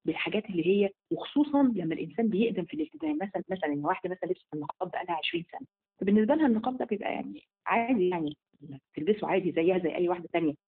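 A woman with an Egyptian Arabic accent teaches a live online religious lesson at a rushing pace. Her voice is husky, and she slows down only to recite scripture. The sound is thin and tinny, like a phone line. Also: on the low side, animated. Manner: rapid and emphatic, slowing for scripture recitation.

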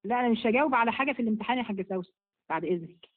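Fast-talking Egyptian woman on a tinny line. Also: on the high side, lively intonation. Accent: Egyptian Arabic. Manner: brisk, firm, motherly, blessing each asker by name. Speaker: religious teacher answering viewers' questions. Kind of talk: live question-and-answer session. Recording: phone-like narrow sound.

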